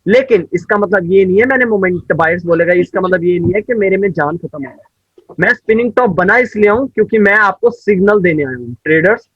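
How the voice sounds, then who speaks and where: A man's voice: high voice, lively intonation, brisk, slightly rough, dry recording, lo-fi sound. A man teaching a trading class over a video call, explaining step by step and often checking that his student understands. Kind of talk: live online class.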